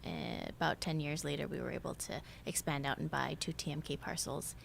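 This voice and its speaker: Low-voiced woman, laughs easily. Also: steady tone, fairly quick, creaky, slight background noise. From Michigan. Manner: warm, laughs often, fillers. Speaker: nonprofit executive director. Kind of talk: casual radio interview.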